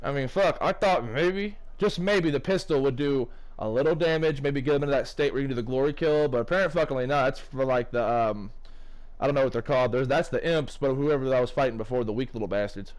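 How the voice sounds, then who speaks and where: A foul-mouthed, excitable man giving casual gameplay commentary as he plays. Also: mid-range voice, fast talker, rough recording. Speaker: gaming video creator. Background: game music.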